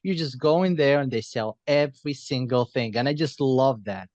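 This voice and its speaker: An enthusiastic man from Algeria, a jury member giving effusive feedback at an online pitch event over a video call. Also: moderate pace, darkish tone, no echo.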